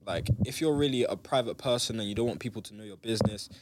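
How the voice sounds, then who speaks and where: A man's voice: lowish voice, quick pace, heavy background noise. A young man with a London roadman accent, chatting casually. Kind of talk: casual chat.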